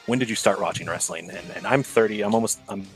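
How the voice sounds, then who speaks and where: A man's voice: lowish voice, fast talker, faint music behind, rough recording. A man in his thirties, a podcast guest, chatting casually and rambling with many fillers and restarts. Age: 30s. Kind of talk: casual chat.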